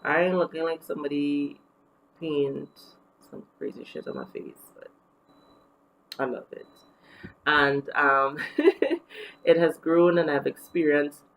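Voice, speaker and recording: Woman, Trinidadian accent, beauty vlogger, slight vocal fry, chatty and candid, lots of ums. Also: low voice, very animated, slow pace, long pauses, poor audio. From Trinidad and Tobago. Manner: chatty and candid, with many fillers. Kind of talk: casual get-to-know-me vlog.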